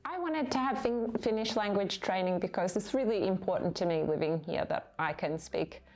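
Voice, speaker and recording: A woman with an Australian accent, speaking in a friendly, steady way in a corporate interview. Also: mid-range voice, normal speed. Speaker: IT project specialist. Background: soft music.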